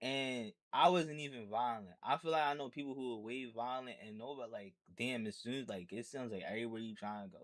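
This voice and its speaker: A man hosting a reaction video who reacts in disbelief, laughing often and breaking into loud outbursts. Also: medium pitch, a little fast, few pauses. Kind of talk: casual reaction commentary.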